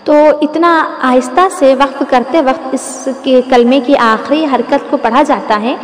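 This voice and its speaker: A woman teaching the rules of Quran recitation, explaining patiently and drawing out each example word. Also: sits high. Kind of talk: tajweed lesson with demonstrations. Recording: echoey room with long reverb.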